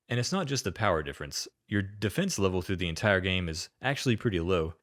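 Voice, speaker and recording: A man with a very low voice narrates a scripted video-game retrospective. He slips in dry, sardonic asides. The sound is close-miked and completely dry. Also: dry recording.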